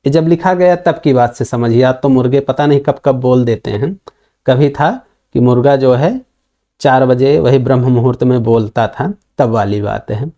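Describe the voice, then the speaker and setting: A man gives a recorded online lesson in a mellow, darker voice at a medium pitch. He talks patiently and walks through each verse line by line. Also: normal speed. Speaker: Sanskrit grammar teacher.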